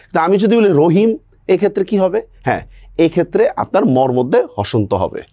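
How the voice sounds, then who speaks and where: A man's voice: high voice, big pitch swings, fast talker, no room sound, muffled recording. A man teaching a grammar lesson on pronunciation, explaining step by step and often checking that students follow.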